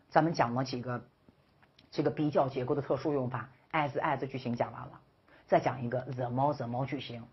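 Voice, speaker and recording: A woman's voice: very deep voice, husky, highs cut off. A woman teaching English grammar in an online lecture, playful and teasing, often acting out her students' questions.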